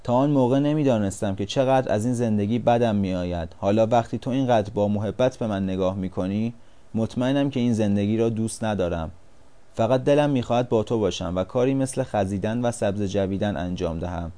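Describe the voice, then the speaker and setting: A man voicing a shy little yellow caterpillar. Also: fairly low pitch, natural voice. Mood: tearful. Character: small anxious yellow caterpillar, shy and gentle.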